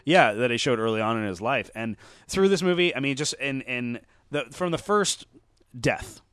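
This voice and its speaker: A man in casual podcast chat about films, animated and profane, often restarting his sentences. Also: mid-range voice, moderate pace, clean tone, no room sound, studio quality. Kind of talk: casual chat, film criticism.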